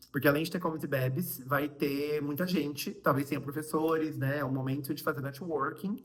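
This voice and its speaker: A chatty young Brazilian man talking to his vlog viewers in a Brazilian Portuguese accent. His voice sits a little higher than most men's. He wanders through fillers and little asides as he tells his news. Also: fairly bright tone. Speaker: vlogger. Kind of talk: casual vlog chat.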